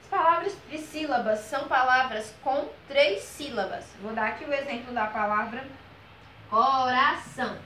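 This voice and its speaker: A woman teacher explaining a grammar lesson, pronouncing example words slowly and checking in often with "ok?" and "certo?". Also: high voice, a bit bright, roomy sound, a little hiss or hum, rough recording. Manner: patient, drawn-out model words, frequent "ok?" and "certo?" checks.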